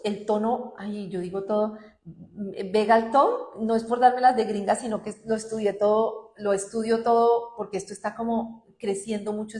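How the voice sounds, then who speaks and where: Animated woman in an echoey room. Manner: animated, acts out quoted voices with high-pitched outbursts. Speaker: guest speaker. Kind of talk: conversational talk.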